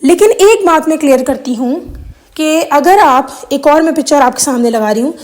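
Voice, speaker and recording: High-voiced earnest woman explaining prayers. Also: a little mellow. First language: Urdu. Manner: earnest, explaining with examples, mixes English phrases. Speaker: religious video host. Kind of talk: casual religious talk to viewers.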